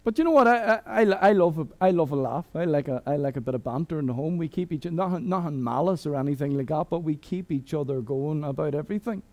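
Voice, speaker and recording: A man's voice: a little high, fast, few pauses, a little mellow. Chatty Irish man preaching a sermon. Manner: conversational and humorous, with many restarts. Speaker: guest preacher.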